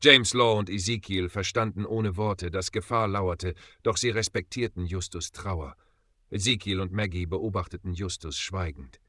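A man narrating a dark adventure audiobook in a grave, dramatic storytelling manner. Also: low-pitched, moderate pace, no room sound.

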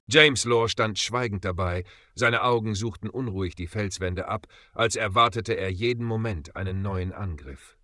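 A man narrating a dark adventure audiobook in a grave, dramatic storytelling manner. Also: on the low side, dry recording.

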